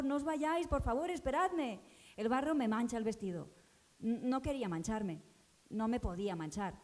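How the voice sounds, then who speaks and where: A woman's voice: a little high, mellow. A woman voicing Valentina, a poor village girl remembering her childhood, in a breathless, childlike theatre reading. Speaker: actor in a stage reading.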